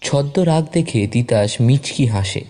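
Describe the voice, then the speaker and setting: A man reading a story aloud in a measured, expressive narration. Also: medium pitch. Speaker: story reader. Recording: narration over background music.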